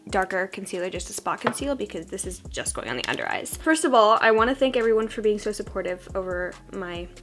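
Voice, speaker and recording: A young adult beauty vlogger films a get-ready-with-me, chatting casually and poking fun at herself. She is sick with a cold-like hoarseness, so her mid-range, slightly bright voice sounds froggy and congested. She is expressive and talks quickly, with slight background noise.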